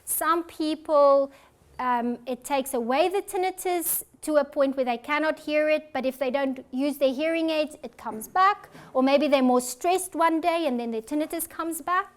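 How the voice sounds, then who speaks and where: A South African woman, an audiologist, gives a health talk and answers questions from the audience in an earnest, reassuring way. Her voice is high-pitched, and she speaks at normal speed.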